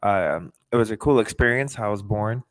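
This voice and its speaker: A podcast guest in his twenties, born in Russia and adopted as a child, tells his life story in a fairly low, brisk voice. He often repeats and rephrases himself while explaining.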